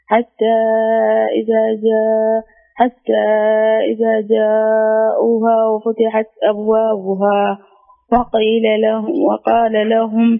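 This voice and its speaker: A woman caller reciting scripture in a measured chant, restarting to correct herself. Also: on the high side, vocal fry. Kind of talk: Quran recitation. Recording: tinny phone line.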